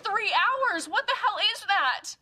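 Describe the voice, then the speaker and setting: A woman's voice: extremely high pitch, animated, unhurried, bright, forceful tone, exaggerated voice. An actress from Canada playing a sarcastic, teasing young woman in a sitcom. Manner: sarcastic, exasperated. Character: sharp-tongued young woman friend, teasing. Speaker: sitcom character. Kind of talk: sitcom dialogue. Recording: noisy sitcom audio with audience laughter.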